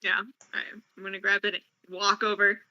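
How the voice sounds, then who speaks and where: A woman's voice: mid-range voice, flat delivery, brisk, dull audio. A woman playing a tabletop game, asking questions and acting casually. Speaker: player. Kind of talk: in-character tabletop play.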